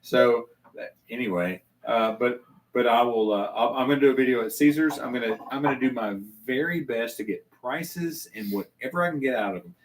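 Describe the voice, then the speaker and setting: A man's voice: mid-range voice, brisk, recorded from a distance, slight background noise, low-quality recording. An older man hosting a casual live chat from his home bar, rambling with many restarts and fillers. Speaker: channel host.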